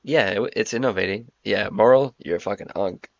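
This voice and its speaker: A young man in his twenties hosts a trading stream with a low, gravelly voice, trading profane jokes with his guests. The sound is dry but dull and lo-fi. His talk is loose and casual. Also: fairly quick, no echo. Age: 20s. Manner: profane, joking banter. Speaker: trading livestream host.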